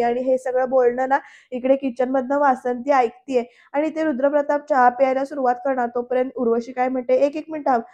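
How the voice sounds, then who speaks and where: A woman's voice: sits high, a little mellow, dull audio. A woman narrating a voice-over recap of a TV serial episode, reading each character's lines in turn.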